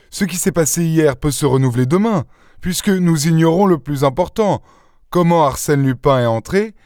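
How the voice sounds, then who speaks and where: A man voicing an excitable, effusive middle-aged château owner, his voice raised high. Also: dry recording, studio quality, close to an everyday voice. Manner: exuberant, effusive.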